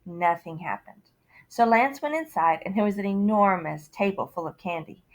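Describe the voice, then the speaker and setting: A woman teacher reading a picture book aloud to her students, expressive with dramatic pauses and sudden shouts. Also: mid-range voice, poor audio.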